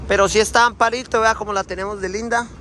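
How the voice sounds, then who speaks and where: A trucking company owner and vlogger, a man in his thirties with a Colombian accent, does a casual walkaround of his trucks in the outdoor yard and cab, phone held out at arm's length. His high voice is steady, pushed and bright, and he talks fast, affectionately, using many diminutives. Slight hiss or hum.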